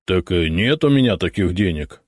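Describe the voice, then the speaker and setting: A man's voice: low voice, lively intonation, normal speed, darkish tone, dry recording, clean studio sound. A man voicing a boastful, doubting Cossack commander who talks in brash, rustic speech.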